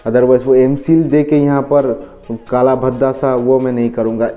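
Young man, hoarse throat, very dark mellow tone, chatty vlog talk to the guys. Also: mid-range voice, little pitch movement, unhurried. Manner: chatty, addresses viewers as guys. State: hoarse from a cough. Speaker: motovlogger.

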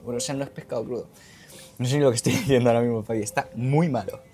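A man's voice: mid-range voice, fairly even intonation, racing, warm tone. Young Spanish man, frank and squeamish. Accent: Spanish from Spain. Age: young adult. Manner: candid and easily disgusted, swears casually. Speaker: guest. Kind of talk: casual chat. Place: small crowded restaurant, indoors. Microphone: lapel mic.

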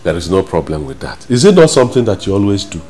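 A man's voice: low voice, very animated, fast talker, darkish tone, soft background music. An actor with a Nigerian accent playing an emphatic husband who lectures his wife with exclamations and questions. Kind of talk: film drama acting.

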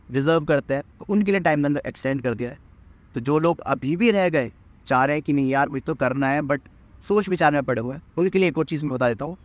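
A young man with a slightly raised pitch speaks earnestly to the camera, coaching his viewers like a fitness mentor. He talks outdoors in a park, picked up by a camera a short way off. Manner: earnest, repeats and restarts phrases, addresses viewers directly. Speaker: fitness trainer and course mentor. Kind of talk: motivational talk to camera. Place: outdoors in a park under a tree. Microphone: camera at medium distance.

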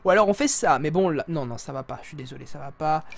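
A man's voice: on the high side, animated, quick pace, gravelly. A man giving casual live gameplay commentary as a streamer, playful and self-mocking, with sudden exclamations. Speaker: gaming streamer.

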